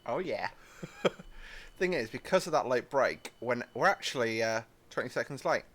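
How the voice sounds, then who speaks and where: A young British man drives a train simulator while chatting in a rambling way, frequently apologizing in asides. His mid-range voice is expressive and fairly bright, at normal speed, for this casual gaming-channel let's-play.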